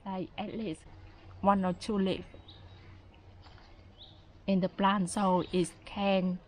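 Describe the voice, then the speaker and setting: A woman narrating a foraging vlog as a guide, speaking calmly in simple, non-native English. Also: medium pitch, takes it slowly, slight background noise. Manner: calm, simple instructive phrasing.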